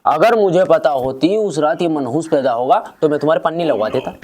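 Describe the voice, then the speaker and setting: A man's voice: on the high side, a little fast, a little mellow, slight background noise, natural voice. A man playing a crude mocking uncle. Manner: mocking, crude, theatrical scolding. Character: foul-mouthed meddling uncle, boastful and teasing. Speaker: comedy sketch actor.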